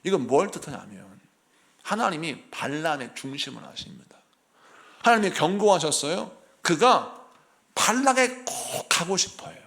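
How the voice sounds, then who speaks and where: A middle-aged man, a senior pastor, preaching a sermon in an animated storytelling way and acting out the people in his stories. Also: fairly high pitch, moderate pace, vocal fry.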